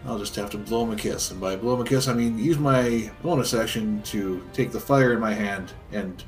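A man's voice: fairly low pitch, moderate pace, soft background music. A man talking casually as a player in a tabletop role-playing game.

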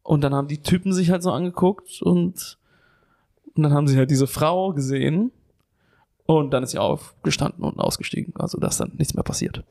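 Young man, comedy podcast co-host, slightly high voice, rambling storyteller, swears a lot. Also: fairly quick, vocal fry, a little mellow. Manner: rambling, swears a lot, keeps restarting with "anyway".

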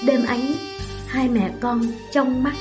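A woman reading a first-person story aloud in a slow, melancholy way. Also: high-pitched, steady tone, over music.

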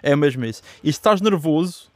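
Male, European Portuguese accent, slightly high voice, close dry sound. Informal podcast talk, slangy, peppered with English. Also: expressive, fast, no echo. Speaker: music mixing and editing engineer. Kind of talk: casual podcast chat.

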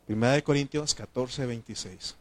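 A man preaching a sermon, asking the congregation questions and breaking into loud bursts. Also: medium pitch, brisk, no room sound. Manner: call-and-response, shouting bursts, rhetorical questions.

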